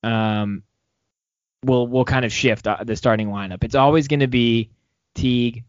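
A man's voice: medium pitch, steady tone, measured pace, no echo. Male podcast co-host, optimistic sports talk, dry dull lo-fi sound. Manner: rambling, many restarts, upbeat. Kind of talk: casual sports chat.

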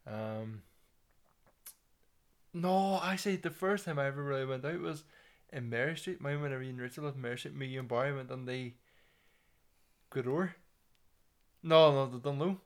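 Derry man, mid-pitched, chatty and halting, casual conversation. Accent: Derry, Northern Irish. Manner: chatty, reminiscing, hesitant restarts. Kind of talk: casual chat.

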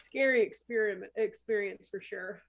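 A woman's voice: medium pitch, normal speed, gravelly, lo-fi sound. A woman co-hosting a casual movie podcast, playful and sarcastic, often laughing. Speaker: podcast co-host.

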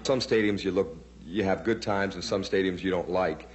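Deep-voiced man, casual sports interview. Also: moderate pace, faint music behind. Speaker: football player being interviewed. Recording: faint hum behind the voice.

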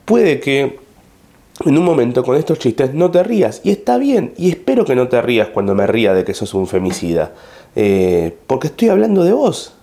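A man's voice: medium pitch, normal speed. A man with an Argentine accent, a comedian telling a story to camera in a casual, rambling way with plenty of fillers. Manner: rambling, animated retelling with frequent fillers.

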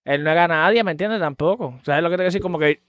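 A man, a guest telling a story in casual street slang and acting out quotes loudly. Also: fairly high pitch, racing, no room sound, studio quality.

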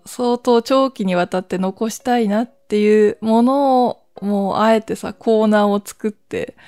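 With a mid-range, slightly mellow voice touched by vocal fry, a woman in her forties chats alone on her podcast at home at night. She rambles, laughs at herself and keeps her voice down, and the recording carries no room sound.

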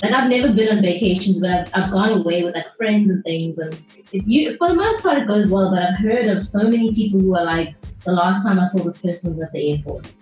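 A woman's voice: medium pitch, animated, fairly quick, darkish tone. A woman chatting casually as a podcast co-host, her voice echoing around a kitchen, with many "like" fillers. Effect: echoey room sound. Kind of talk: casual chat. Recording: echoey kitchen, faint background music.

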